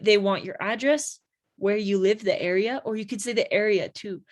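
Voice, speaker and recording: A woman teaching an English lesson, explaining slowly and carefully and modeling example phrases for learners. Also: medium pitch. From United States. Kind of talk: slow classroom explanation.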